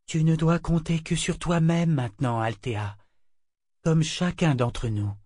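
A man voicing a gentle, wise living ship, female. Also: a little high, no echo, clean studio sound, voice pushed up. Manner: soft, slow and calm.

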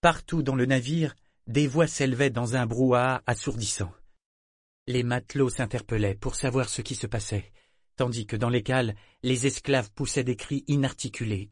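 An audiobook narrator, a man with a medium-pitched voice, reads a novel aloud in steady, measured storytelling fashion. It's scripted narration captured with clean studio sound and no room noise.

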